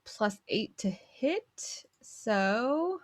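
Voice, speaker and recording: A woman takes part in a tabletop game with casual chat. She speaks at a slow pace, at a middling pitch for a woman. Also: big pitch swings, no echo.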